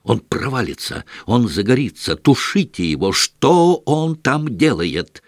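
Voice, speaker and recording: An actor playing a frantic, panicking town governor shouting orders at a fire. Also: male voice, medium pitch, sing-song, unhurried, no echo, clean studio sound.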